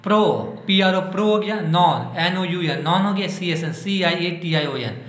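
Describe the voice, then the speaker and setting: A man's voice: high voice, unhurried, fairly bright tone, roomy sound. A male teacher giving an exam-prep spelling lesson, spelling words letter by letter and asking the class questions that he then answers himself.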